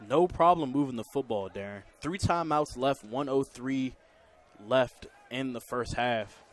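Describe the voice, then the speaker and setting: American guy doing football color commentary, medium pitch, chatty, repeats himself as he breaks it down. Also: a little slow. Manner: conversational, repeats phrases. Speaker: colour commentator.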